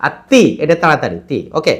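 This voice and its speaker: A man gives a spoken recitation lesson in a fairly high voice. He is earnest and patient, and he draws out the long vowels as he drills each syllable. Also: wildly swooping pitch, a little fast, fairly bright tone. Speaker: Quran recitation teacher.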